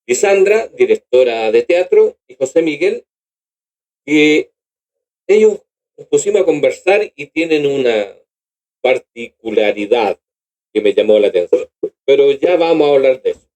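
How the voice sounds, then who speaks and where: Lively Chilean man hosting a radio talk. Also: medium pitch, unhurried, pauses often. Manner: friendly, chatty interviewer. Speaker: radio host. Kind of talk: radio interview conversation.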